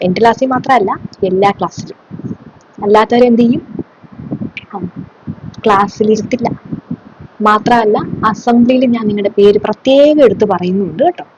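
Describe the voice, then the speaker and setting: A woman's voice: mid-range voice, darkish tone, muffled recording, slight background noise, natural voice. A woman playing a stern scolding schoolteacher. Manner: scolding, lecturing, sarcastic. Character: strict scolding female schoolteacher, middle-aged. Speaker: comedy sketch creator. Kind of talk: solo comedy sketch.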